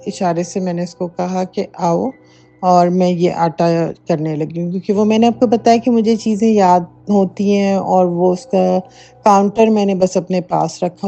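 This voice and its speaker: A woman's voice: mid-range voice, creaky, warm tone. A middle-aged woman casually recounting a true haunting from her own home, talking emphatically with many fillers, recorded as a voice note. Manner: emphatic, conversational storytelling with frequent fillers. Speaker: listener sharing a personal story. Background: faint background music.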